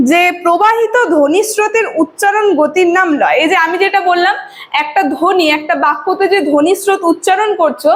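A woman teacher giving an online lesson, explaining step by step, dictating definitions for students to write down and often checking with "okay?". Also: very high voice. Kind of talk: online lecture.

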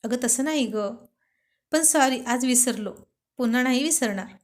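A playful young husband who teases his wife and coaxes her gently, read by a woman. The voice sits a little high for a man. It is told as a storybook scene. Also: moderate pace, lightly acted. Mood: teasing. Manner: teasing, coaxing.

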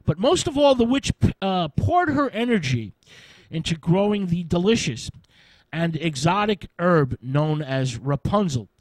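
A man narrating a fairy tale for radio, unhurried and hesitant, with frequent filler sounds. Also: sits high, very animated, a little mellow, no echo, rough recording. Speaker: radio storyteller.

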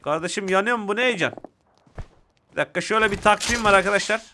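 A man with a Turkish accent giving excitable live commentary while playing a mobile shooter and talking to his viewers. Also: sits high, rapid-fire, slight background noise. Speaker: mobile game streamer.

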